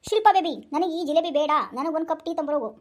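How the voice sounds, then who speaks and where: A woman voices a timid young husband in a cartoon, with a North Karnataka lilt. His voice sits high and runs fast, and his complaints come out as whimpers. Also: mellow, slight background noise, close to an everyday voice. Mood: whining. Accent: North Karnataka Kannada. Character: meek whiny young husband, doctor. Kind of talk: cartoon voice acting.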